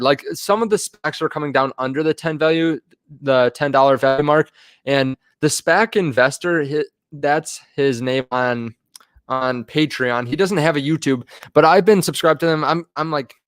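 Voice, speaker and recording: Man, live-stream host, casual rambling, lots of ums, slightly breathless, fairly high voice, dry close sound. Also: a bit bright, no room sound. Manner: rambling, filler-heavy, restarts often. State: a bit out of breath. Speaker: finance channel host. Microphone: phone.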